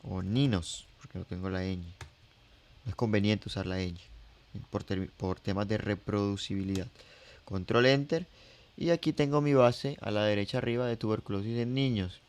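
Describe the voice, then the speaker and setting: A man's voice: fairly low pitch, moderate pace. A man teaching a coding tutorial over his screen, explaining each step, repeating phrases and thinking aloud with fillers. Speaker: R programming instructor.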